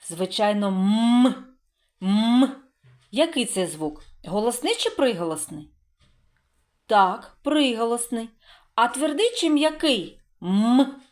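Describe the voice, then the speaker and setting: A woman teacher talks to small children in a slow, deliberate way, drawing out each sound so they can hear it. Her questions rise and fall in a lively, sing-song way, pitched a little high, and she answers them herself with praise. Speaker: primary school teacher. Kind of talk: recorded literacy lesson for young children.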